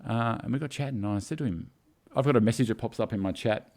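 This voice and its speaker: A man's voice: mid-range voice, fast, gravelly, a little mellow. A man telling a story in a casual video chat, emotional and rambling, tearing up. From Australia. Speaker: co-host.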